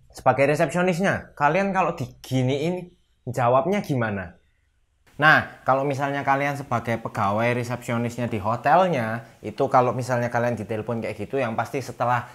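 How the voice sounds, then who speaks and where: A young man talks through a relaxed language lesson in a loose, chatty way. He acts out little sample complaints in a livelier voice, then slows down carefully to say each foreign phrase. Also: mid-range voice. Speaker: language teacher. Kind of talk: casual lesson explaining phrases.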